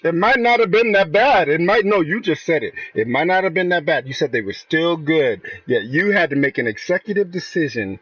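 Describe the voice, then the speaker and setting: A man's voice: fairly high pitch, animated, brisk, hardly any pauses, a bit bright, husky, no echo. A man streaming a game who argues with a friend in casual banter, mocking him and swearing freely. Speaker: gaming streamer.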